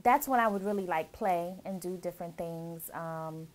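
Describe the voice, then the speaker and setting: A woman's voice: fairly low pitch, moderate pace. A woman in her thirties who grew up in Germany, cheerfully recalling her childhood in a chatty interview with lots of laughs and fillers. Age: 30s. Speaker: interviewee, bride-to-be. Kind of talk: relaxed interview answers.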